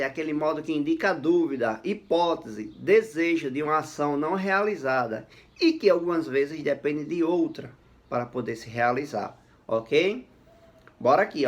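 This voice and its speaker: A male teacher explains grammar in a video lesson. His voice sits a little high. He talks in a lively, emphatic way and keeps checking in with his students.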